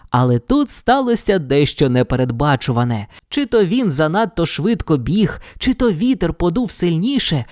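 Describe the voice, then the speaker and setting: A woman with a lowish voice narrates a children's audio story, rising and falling expressively. The recording is close and dry, with no room at all. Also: darkish tone, no echo.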